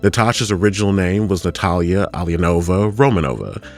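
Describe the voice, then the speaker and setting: A man co-hosting a scripted podcast, explaining things with dry, deadpan retorts. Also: deep voice, fairly quick, faint music behind. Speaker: podcast co-host.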